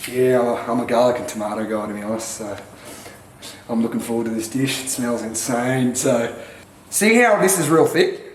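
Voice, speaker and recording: A man's voice: medium pitch, normal speed, slight background noise. An Australian man running a mock cooking show in his home kitchen, cocky and lecturing the viewer, with lots of swearing. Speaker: home cook vlogger. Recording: echoey kitchen.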